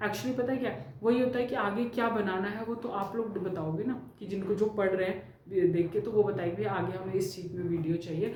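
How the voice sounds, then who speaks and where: Woman teacher from India, mellow voice, unhurried drawn-out explanation, faint hum behind. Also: medium pitch, fairly even intonation. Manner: slow, stretches out technical terms while writing. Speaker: chemistry teacher. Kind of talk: classroom lesson mixing Hindi and English. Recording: very echoey room, voice far from mic.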